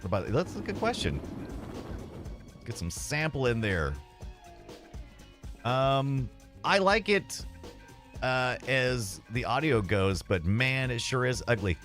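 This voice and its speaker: Animated man streaming a game. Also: mid-range voice, takes it slowly, pauses often. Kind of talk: casual live gameplay commentary. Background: game music.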